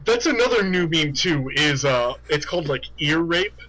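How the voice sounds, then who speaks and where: A man co-hosting a casual comedy podcast, an animated storyteller who laughs a lot. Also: on the high side, moderate pace, rough recording. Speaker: podcast co-host.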